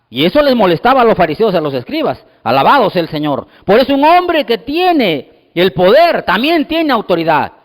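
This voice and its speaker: A man preaching a sermon, reading scripture aloud and speaking emphatically, with recurring refrains of praise between his points. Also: extremely high pitch. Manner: reads scripture passages aloud. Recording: long reverberant hall.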